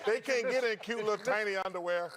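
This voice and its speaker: A man's voice: sits high, fast talker, crowd noise. A man on a TV sports panel, teasing and chuckling as he repeats the same joke. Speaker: TV basketball analyst. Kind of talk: joking studio banter.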